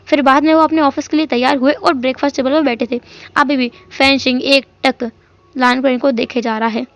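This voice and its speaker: A woman's voice: sits high, fairly even intonation, brisk, no echo. A woman narrating a fan fiction story in a chatty, emotional retelling style. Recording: dull lo-fi audio.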